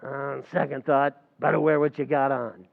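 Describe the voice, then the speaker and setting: The recording is tinny and phone-like, carrying a man's medium-pitched, gravelly voice at normal speed and a level tone. He's playing a brash, scheming tavern manager in a revived old-time radio comedy, full of wisecracks and garbled big words.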